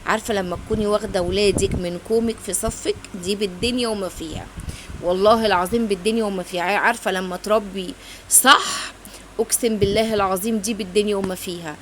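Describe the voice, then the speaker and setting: A woman's voice: medium pitch, fairly even intonation, quick pace, a bit bright, slight background noise. A middle-aged woman with an Egyptian Arabic accent hosts a cooking video, talking through a recipe in a casual, affectionate way. She pours out blessings and oaths to her viewers. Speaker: cooking channel host.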